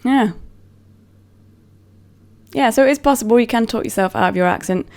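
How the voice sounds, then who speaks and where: A woman's voice: a little high, moderate pace, darkish tone. A woman with a neutral British accent chatting casually to camera, rambling and self-mocking, trailing off with fillers. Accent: neutral British English. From England. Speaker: vlogger.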